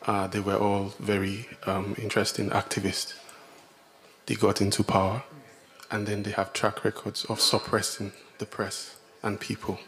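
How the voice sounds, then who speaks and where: A man's voice: fairly low pitch, completely flat delivery, normal speed, a bit bright. A man from Nigeria, an audience member asking a probing question at a conference Q&A.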